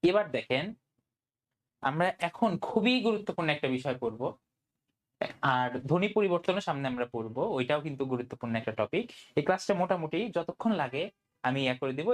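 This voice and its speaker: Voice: mid-range voice, expressive, fast talker. A tutor teaching an online Bangla grammar class, often asking "okay?" and mixing in English words. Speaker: admission test tutor.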